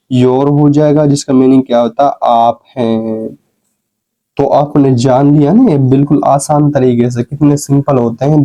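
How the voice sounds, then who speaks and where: Dark-voiced man teaching English vocabulary. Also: medium pitch, muffled recording. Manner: explains step by step, asks and answers his own questions; spells words out letter by letter. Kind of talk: spoken English lesson. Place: recorded while scrolling through on-screen notes.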